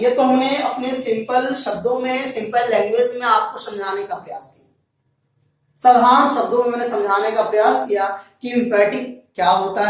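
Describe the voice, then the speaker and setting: A man teaching a grammar lesson to a class. He keeps repeating points and quizzing the students. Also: extremely high pitch. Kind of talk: classroom lecture. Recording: very echoey room, mic far off.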